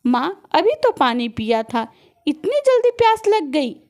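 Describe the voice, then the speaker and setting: A woman's voice: a little high, slow pace. Woman voicing an impatient, hot-tempered grown son. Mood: angry.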